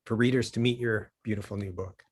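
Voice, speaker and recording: A man's voice: fairly low pitch, fairly even intonation, fairly quick, slightly rough. A man, a publisher co-hosting a book launch over a video call, giving casual closing thanks with a few ums.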